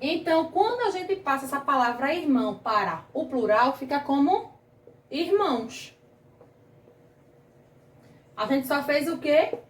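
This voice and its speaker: A woman's voice: high voice, sing-song, measured pace, long pauses, roomy sound, far from the mic. A woman teaching a grammar lesson to children, patient and questioning, stretching out key words, with a Brazilian Portuguese accent. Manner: patient, asks the class questions, drags out words.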